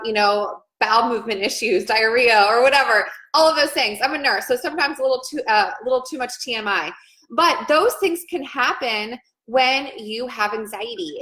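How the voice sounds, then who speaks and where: A woman's voice: a little high, pushed and bright. A woman in her thirties, a nurse, sharing her own story earnestly and emotionally, repeating phrases as she goes. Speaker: nurse and vlogger. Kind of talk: personal testimony vlog. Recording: echoey room.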